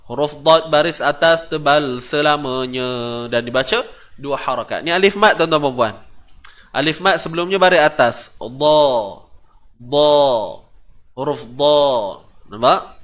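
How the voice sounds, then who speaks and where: A man's voice: on the high side, a little slow, fairly bright tone. A man with a Malaysian Malay accent teaching tajwid, breaking words into syllables and chanting verses, asking his listeners questions as he goes. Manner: patient, repeats syllables, asks the class questions. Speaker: Quran recitation teacher. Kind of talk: tajwid lesson with chanted recitation.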